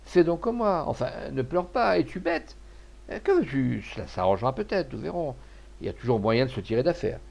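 A man voicing a shrewd old cloth merchant who talks loudly and emphatically, in an audiobook. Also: medium pitch, sing-song, a little fast, creaky. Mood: stern. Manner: loud, blustering and emphatic. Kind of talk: audiobook character voice.

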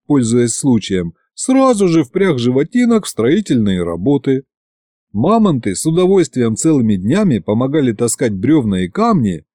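A man narrates an audiobook in a chatty, lively storytelling manner. His pitch rises and falls freely and his tone is dark and mellow. The sound is dry and close. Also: no room sound.

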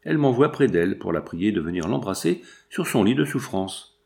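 A man reading the lines of a kindly old working woman in a novel, gentle and plain-spoken. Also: on the low side, very animated, normal speed, creaky.

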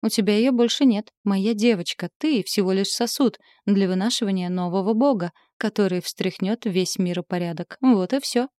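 A woman's voice: mid-range voice, normal speed, hardly any pauses, warm tone, no echo, clean studio sound, natural voice. Woman playing a brash mocking old seer. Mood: dismissive.

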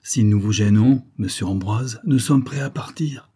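A man voicing a proud, impulsive young gentleman who speaks quickly and earnestly. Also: fairly low pitch, breathy edge.

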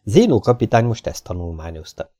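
A man narrating an audiobook in a lively, dramatic reading. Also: on the low side, no echo, clean studio sound. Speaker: audiobook reader.

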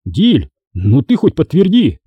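A man's voice: fairly high pitch, huge pitch swings, slow pace, slightly rough, no room sound, muffled recording, pitched above the performer's own voice, full character voice. A man voicing a burly middle-aged male villager with coarse, folksy outbursts, in an audiobook. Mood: indignant.

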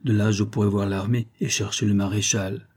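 Audiobook narrator, male: husky, mellow low timbre, measured and steady. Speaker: audiobook reader. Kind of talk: scripted narration.

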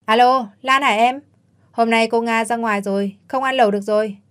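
A woman's voice: fairly high pitch, fairly even intonation, smooth, lightly acted. A woman doing a breezy, chatty young man. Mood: cheerful. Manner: quick, loud and breezy. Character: lively joking young man, cheerful and talkative.

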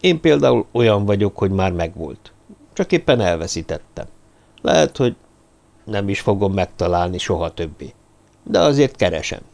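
A man voicing a brooding, secretive drifter who speaks quietly and sparingly in an audiobook. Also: on the low side, big pitch swings, vocal fry. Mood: musing.

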